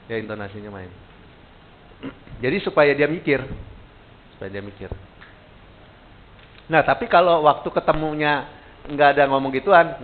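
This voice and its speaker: A man teaching a live sales training session, talking casually and putting questions to the audience. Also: mid-range voice. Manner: casual, animated, quizzes the audience. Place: training room. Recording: tinny lo-fi sound with faint hiss.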